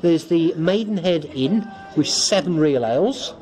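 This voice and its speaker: A man's voice: on the high side, animated, unhurried, a little mellow, soft background music. A man co-hosting a football podcast, chatting casually with dry humour and plenty of fillers. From England. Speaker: podcast co-host. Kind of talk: casual chat about away-ground travel.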